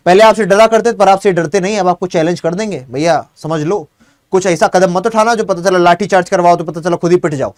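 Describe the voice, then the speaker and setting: Lively guy teacher explaining a lesson, high voice, dry close sound. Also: fairly quick, dry recording. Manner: lively, chatty, addresses students directly. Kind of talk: exam-prep lecture, reads English text slowly and explains in Hindi.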